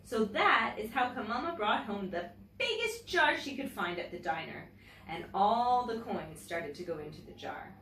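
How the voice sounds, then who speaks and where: A teacher and story-time host reads a picture book aloud to children at a medium pitch, her intonation very lively and swooping. She shapes phrases expressively, addresses young listeners directly, and pauses to comment and ask them questions. The recording sounds roomy, with a somewhat distant mic and faint background noise.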